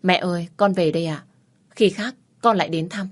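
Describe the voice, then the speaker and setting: A woman voicing a young pregnant wife who is defiant and frightened, shouting and pleading near tears. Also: on the low side, normal speed, lightly acted. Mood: cold, defiant.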